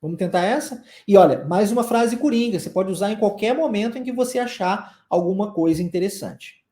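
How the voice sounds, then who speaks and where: A man with a Brazilian Portuguese accent teaching an English lesson, modeling phrases slowly and deliberately and encouraging the listener to repeat after him. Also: high voice, warm tone, roomy sound.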